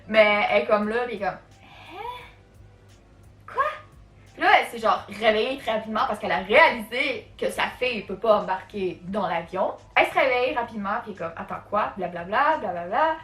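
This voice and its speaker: Speaking quickly at a medium pitch, this woman from Canada has a slightly bright tone and a Quebec French accent. She's a vlogger chatting through a casual storytime, with plenty of fillers. Faint music sits behind her in an echoey room.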